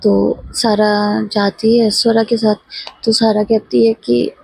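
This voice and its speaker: Woman storyteller, casual retelling, gravelly, husky, dry close sound. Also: on the high side, slow pace, no echo, poor audio. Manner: relaxed retelling with quoted dialogue.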